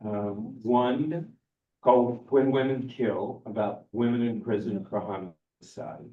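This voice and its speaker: A man's voice: mid-range voice, takes it slowly, narrow, tinny audio. An older man from Texas, a filmmaker, introducing himself with wry storytelling. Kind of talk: self-introduction at a public meeting. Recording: echoey room, mic far off.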